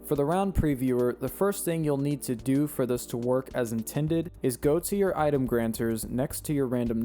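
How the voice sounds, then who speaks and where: A game tutorial creator records a step-by-step voice-over, reading the game settings one by one in a steady instructional manner. His mid-range voice is slightly hoarse, as though he's losing it.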